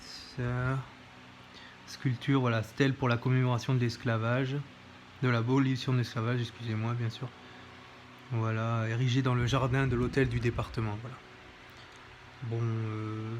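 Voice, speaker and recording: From his home near an airport, a man with a medium-pitched voice presents a history book in informal commentary. He's hesitant, using many fillers and correcting himself, with background noise audible.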